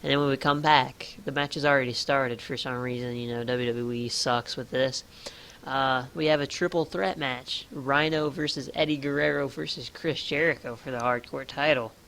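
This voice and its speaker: A man's voice: medium pitch, fairly even intonation, moderate pace, gravelly, pushed and bright, a little hiss or hum. A man co-hosting a podcast in casual comedic chat, sarcastic and crude. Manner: sarcastic, crude, laughing asides, gives letter grades. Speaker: podcast co-host.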